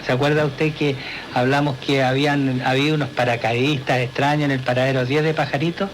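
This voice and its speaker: A man co-hosting a radio talk show, speaking in a hesitant, halting way. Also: medium pitch, steady tone, background noise.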